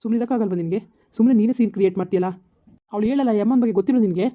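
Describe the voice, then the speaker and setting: A woman acting as the calm master of the house, soothing his worried wife and lecturing the maid in an amateur family drama. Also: medium pitch, racing, phone-quality sound, natural voice. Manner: soothing, scolding, repeats "aayta?". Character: stern calm husband of the house. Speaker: husband in family skit.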